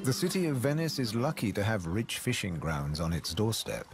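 A man reading scripted nature documentary narration in a measured way, with dramatic pauses for emphasis. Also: lowish voice, sing-song. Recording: loud music under studio narration. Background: prominent music.

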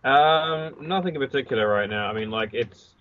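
A man's voice: medium pitch, normal speed. A man co-hosting a casual podcast, hesitant and full of ums and likes. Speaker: podcast co-host. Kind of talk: casual chat. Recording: dry, dull lo-fi audio.

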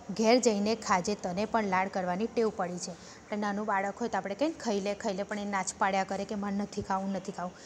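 A woman teacher with a Gujarati accent reads a story lesson aloud, then retells each line in simpler words. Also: medium pitch. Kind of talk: reading and explaining a story lesson. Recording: echoey room with faint noise.

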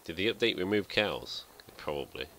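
A man with an extremely deep yet bright, forward voice talks through his game in a loose, rambling way. He thinks aloud and pokes fun at himself as he goes, like a let's play host chatting to viewers. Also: expressive, normal speed, slight background noise. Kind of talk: casual gameplay commentary.

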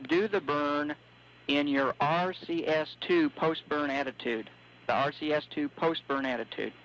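A man's voice: fairly high pitch, measured pace. A man calling a spacecraft crew from ground control, reading out technical data steadily over a radio link. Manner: steady, methodical reading of numbers. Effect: radio transmission sound. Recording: dull lo-fi radio audio with faint hum.

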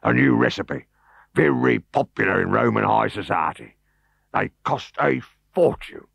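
A man reading a storybook, voicing a greedy, scheming middle-aged Roman boss in a raised, oily, drawn-out voice. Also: fairly low pitch, animated, creaky, a bit bright, husky, no echo, voice pushed up, heavily acted. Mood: boastful. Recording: dull, dry recording.

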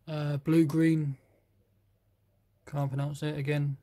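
A British man casually reviewing a box of model paints, reading out colour names haltingly and admitting he can't pronounce some. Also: fairly high pitch, vocal fry, dark tone, slight background noise.

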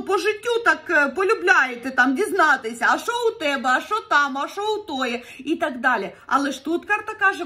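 A woman with a very high voice talks straight to her viewers as she reads tarot cards. Her delivery is chatty and earnest, full of little fillers and quick laughs. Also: fairly bright tone. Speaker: tarot reader. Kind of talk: casual tarot reading advice to viewers.

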